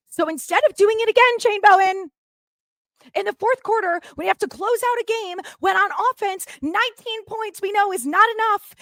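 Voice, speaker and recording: Angry, swearing woman with a very high voice. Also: fairly bright tone, no echo. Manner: heated, swearing, exasperated ranting. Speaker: sports podcast host. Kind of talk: solo sports recap rant.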